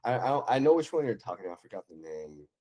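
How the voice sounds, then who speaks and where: A very low-pitched young man from Taiwan talks softly and hesitantly, full of pauses and fillers. He chats casually as a podcast guest. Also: sing-song. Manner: soft-spoken, hesitant, many fillers. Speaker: podcast guest, designer and 3D artist. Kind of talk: casual interview chat.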